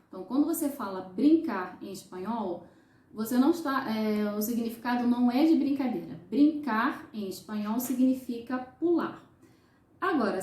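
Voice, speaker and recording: A Brazilian woman teaching a language lesson, speaking slowly and deliberately and repeating each word for clarity. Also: on the high side, a little mellow, reverberant. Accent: Brazilian Portuguese. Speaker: Spanish teacher.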